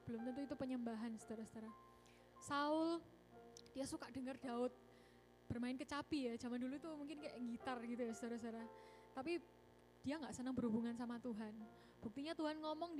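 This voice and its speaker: A woman preaching a casual youth sermon in a church, chatty and animated, often calling the congregation brothers and sisters. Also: on the high side, fairly quick, soft background music. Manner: chatty, animated, mixes English words, often says "saudara-saudara". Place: church service.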